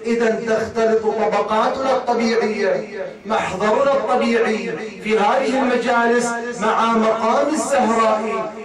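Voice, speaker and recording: A man's voice: high voice, fairly even intonation, normal speed. A man, preaching an impassioned, mournful sermon to a gathering in a mourning hall. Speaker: mulla preacher. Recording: echoey hall from far off, crowd.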